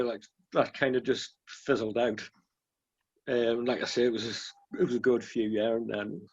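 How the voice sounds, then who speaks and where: A man's voice: mid-range voice, breathy edge, no room sound. A man in a band, talking modestly and a bit rambling in a casual interview. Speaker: band member. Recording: dry, muffled lo-fi sound.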